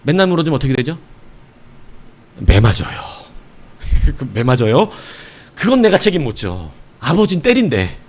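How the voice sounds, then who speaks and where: A middle-aged male pastor preaching a sermon in a playful, animated way, acting out prayers and quotes. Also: fairly high pitch, fast, few pauses.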